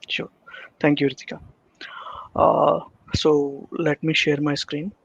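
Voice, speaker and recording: Man, on a video call, flat monotone, slightly high voice, dry muffled audio. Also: creaky, breathy edge, no room sound. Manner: halting, many filler pauses. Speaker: guest speaker. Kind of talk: technical presentation.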